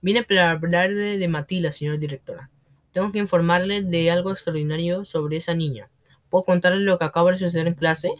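Guy reading as a shy young teacher lady, soft and pleading, highish voice, audiobook. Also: fairly even intonation, fairly quick, close to an everyday voice. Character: gentle young female teacher, earnest and timid.

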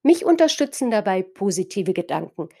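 A woman's voice: medium pitch, big pitch swings, normal speed, gravelly, mellow. A woman from northern Germany delivering a reflective spoken essay, thoughtful and playful with words, addressing her listeners directly.

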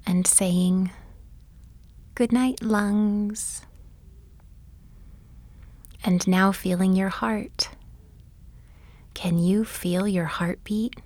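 A woman guiding a bedtime body-scan meditation, speaking softly and gently, often in a whisper. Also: mid-range voice, fairly even intonation, no echo. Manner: soft, often whispered delivery; gentle, soothing and unhurried. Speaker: meditation guide.

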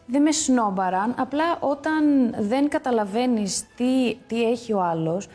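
A young woman in her twenties from Greece, a guest actress talking casually and candidly in an interview, quick to laugh at herself. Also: a little high, animated, darkish tone, faint music behind.

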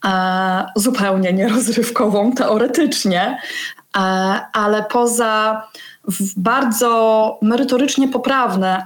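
A woman guest in her thirties explaining reading methods in a measured way, pausing often with fillers. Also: fairly high pitch. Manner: measured, with frequent hesitation fillers. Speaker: guest, reading education specialist. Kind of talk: explanatory interview talk.

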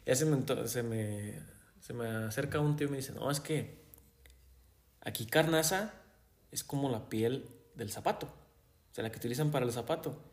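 A man with a Jalisco Mexican accent, chatting casually and telling animated anecdotes, often laughing and acting out the voices of people in his stories. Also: medium pitch, normal speed, long pauses. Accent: Mexican Spanish, Jalisco. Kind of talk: casual conversation, storytelling.

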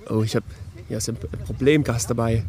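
A man's voice: medium pitch, fairly even intonation, brisk, a little mellow, pitched below the performer's own voice, natural voice. A man playing a stern, fussy pool attendant who scolds and stammers in a comedy sketch. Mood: scolding. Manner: scolding, stammers and repeats himself. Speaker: podcast host.

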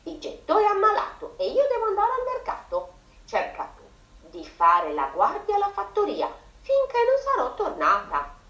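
A woman voicing a kind, sensible young farm woman, speaking calmly and gently scolding. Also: very high-pitched, moderate pace, echoey room, pitched above the performer's own voice, exaggerated voice, poor audio. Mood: instructing. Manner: gently scolding, calm instructions.

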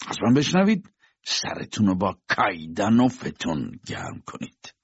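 A man's voice: mid-range voice, big pitch swings, vocal fry, husky, no echo, dull audio, pitched above the performer's own voice, exaggerated voice. A man voicing a sardonic older bachelor doctor who lectures mockingly, in an audiobook reading.

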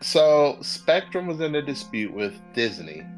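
A man co-hosting a podcast, talking casually and excitedly, often wandering off into side notes. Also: on the high side, measured pace, faint music behind. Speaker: podcast co-host. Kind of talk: casual chat.

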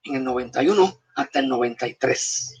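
A man's voice: medium pitch, brisk, husky. A man with a Puerto Rican accent, a comics artist telling stories and giving emphatic, punchy advice in a casual interview. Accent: Puerto Rican Spanish. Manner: emphatic, gives punchy advice in short commands. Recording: distant, dull, muffled mic.

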